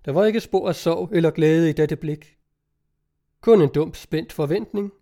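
A man reading a story aloud as narrator, in calm, measured scripted narration. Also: a little high. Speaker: audiobook narrator.

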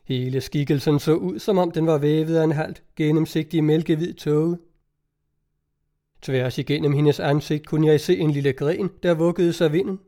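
Male storybook narrator, steady measured reading, warm mellow tone. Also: fairly high pitch. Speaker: audiobook narrator. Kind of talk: scripted narration.

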